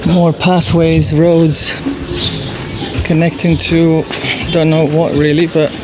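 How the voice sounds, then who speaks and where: Albanian-accented man, higher-pitched, on a noisy street. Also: flat delivery, slow. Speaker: travel vlogger. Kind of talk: casual walking tour commentary. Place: outdoors in town streets. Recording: noisy outdoor street, traffic ambience. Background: street ambience, vehicles.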